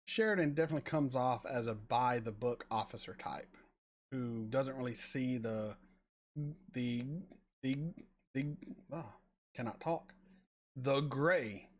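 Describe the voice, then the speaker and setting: Rambling man in his forties. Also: medium pitch. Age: 40s. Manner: rambling, halting with repeated words. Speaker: reaction channel host reading chat. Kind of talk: casual live-stream chat.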